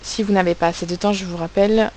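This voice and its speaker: A woman teacher giving a recorded phonics lesson to children, articulating sounds and syllables slowly and with care. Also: mid-range voice, fairly even intonation, a little mellow, slight background noise, rough recording. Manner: slow, carefully articulated, stressing sounds and syllables. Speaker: primary school teacher.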